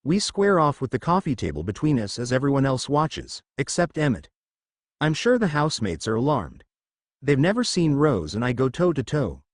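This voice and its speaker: A man's voice: medium pitch, wildly swooping pitch, normal speed, no echo, clean studio sound. Man narrating a dramatic story. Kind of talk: first-person story narration.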